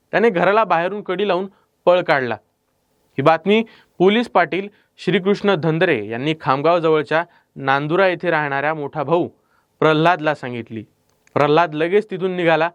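Male crime-news narrator, Marathi accent, dramatic delivery, raised pitch, smooth resonant voice, dry close mic. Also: normal speed, dry recording. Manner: dramatic storytelling delivery with rhetorical questions. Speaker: news presenter. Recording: clean dry studio voice-over.

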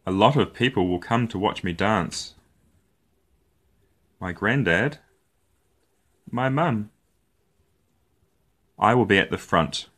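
Expressive and playful, a man with a lowish voice reads a picture book aloud for small children, phrasing each line deliberately in a storytelling manner.

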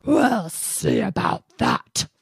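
A woman voicing a big male bear who growls his lines slowly and loudly. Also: medium pitch, huge pitch swings, gravelly, slightly rough, dry recording, clean studio sound, heavily acted. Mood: growling. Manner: growling, slow and loud.

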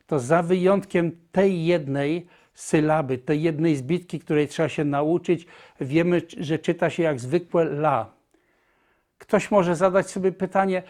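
Man, language teacher, slow and patient, slightly high voice, repeats points. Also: a little mellow. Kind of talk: slow explanatory lesson.

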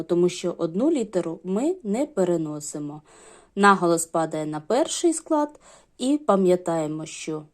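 A middle-aged woman, a primary school teacher, gives a lesson to young children and explains things patiently, step by step. Her voice is fairly low in pitch with a darkish tone.

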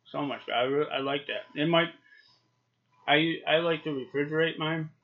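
A man's voice: fairly high pitch, little pitch movement, moderate pace. A man in his forties giving a casual, chatty review to camera, talking with a lip full of dip. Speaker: YouTube product reviewer. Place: small home office, indoors. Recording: dull, lo-fi webcam sound.

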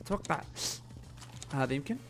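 A young man giving casual let's-play commentary, muttering to himself and yelling when things go wrong. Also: a little high, expressive, moderate pace. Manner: chatty, often muttering under his breath, bursts of panicked yelling. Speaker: gaming channel host.

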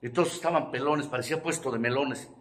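A man with a Mexican accent giving a coarse, joking testimony at a recovery group, swearing constantly and breaking into shouts. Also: medium pitch, fast talker, roomy sound, a crowd in the background. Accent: Mexican Spanish. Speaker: speaker sharing his testimony at a recovery group. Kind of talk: profane testimonial talk.

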